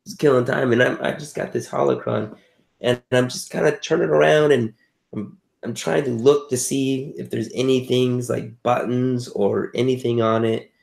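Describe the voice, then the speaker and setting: A male player in a tabletop game, describing his character in a relaxed, casual way. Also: medium pitch, moderate pace, vocal fry, echoey room. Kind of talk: casual chat.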